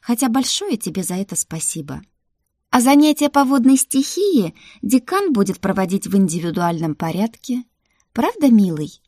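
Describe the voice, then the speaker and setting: A woman voicing a lively, teasing young woman friend in a higher, brighter voice, reading a storybook aloud. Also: moderate pace, no echo, studio quality.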